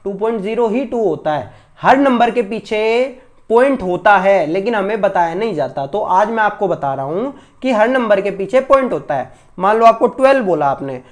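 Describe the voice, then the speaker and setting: A man's voice: very high-pitched, a little mellow. A male school teacher giving an online maths lesson to children, patient and repetitive, often checking that his pupils have understood. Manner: addresses pupils fondly as children. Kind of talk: online class lecture for children.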